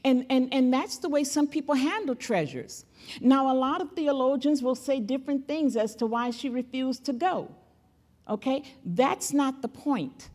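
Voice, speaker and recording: Older woman preaching, fairly high voice. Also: animated, moderate pace, darkish tone. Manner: emphatic, repeats phrases, calls on the audience. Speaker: guest speaker. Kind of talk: sermon. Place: church.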